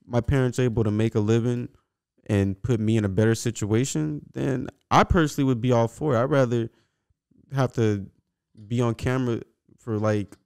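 Speaking at a normal speed in a mid-range, gravelly, slightly mellow voice with a clear, resonant tone, this young podcast co-host makes his case by repeating himself. The conversation is casual and full of slang, recorded on a close boom-arm mic in a small indoor podcast room.

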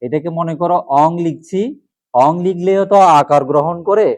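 A man's voice: on the high side, moderate pace, a little mellow, no room sound. A man teaching a class, drilling letters one by one and asking questions, then answering them himself. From Bangladesh. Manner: asks questions and repeats answers. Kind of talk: classroom lesson on alphabet pronunciation.

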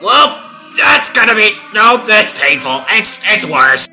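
A gamer giving excitable let's-play commentary, laughing and shouting taunts. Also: medium pitch, takes it slowly, gravelly, faint music behind. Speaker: gamer playing a horror game.

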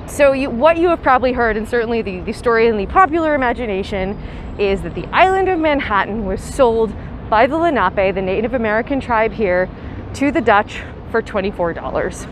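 Young woman guide, casual park walking tour, bright higher pitch, light street noise behind. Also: lively intonation, brisk. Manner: chatty, explanatory, with light laughs. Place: outdoors in a city park. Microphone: handheld camera, guide mostly off screen. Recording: faint outdoor city noise.

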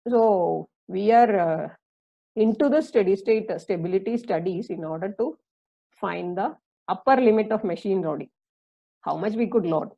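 Slow and full of fillers and repetition, this recorded engineering lesson comes from a woman with an Indian English accent. Her pitch is medium with vocal fry, and the audio is dull.

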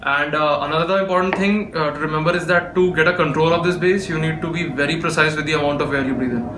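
A man's voice: on the high side, fairly even intonation, fast talker, background noise. A man from India, patiently explaining a technique step by step in a spoken tutorial. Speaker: beatboxer teaching. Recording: echoey room.

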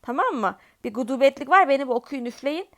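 A young woman with a Turkish accent talks through a mobile game as a gaming vlogger. Her voice sits high, and she turns dramatic, pleading and exclaiming, in casual running commentary. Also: expressive, fast talker. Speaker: gaming YouTuber.

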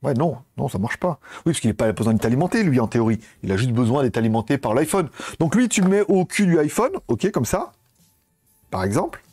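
Fast, lively chatty man. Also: medium pitch, breathy edge, faint music behind. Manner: chatty, rambling, corrects himself mid-sentence. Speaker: tech reviewer. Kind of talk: casual product review vlog. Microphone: wireless lapel mic.

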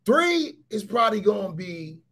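Husky, animated man hosting a livestream. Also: high voice, normal speed. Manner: animated, emphatic, repeats phrases and shouts points. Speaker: livestream host. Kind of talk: casual livestream chat with viewers.

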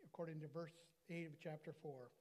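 An older American man preaching an earnest sermon on a lapel mic in a small church. His voice sits a little high for a man. He slows right down to lean on the words that matter. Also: steady tone, darkish tone. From United States. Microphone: lapel mic at a pulpit.

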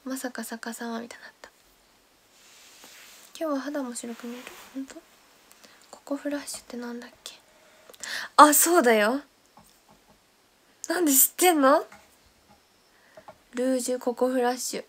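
High-voiced young woman chatting on a livestream. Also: moderate pace, pauses often, husky. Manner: chatty, thanks viewers by name, drops to soft whispers. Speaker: idol livestream host. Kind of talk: casual livestream chat reading comments.

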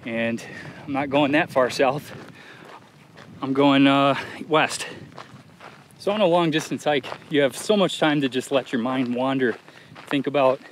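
Man, mid-pitched, casual and reflective, narrating a solo hike outdoors on a camera mic. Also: measured pace, long pauses, a little hiss or hum. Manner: easygoing, rambling, reflective, with frequent "uh" and "like". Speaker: solo thru-hiker filming his trip. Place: outdoors in open desert.

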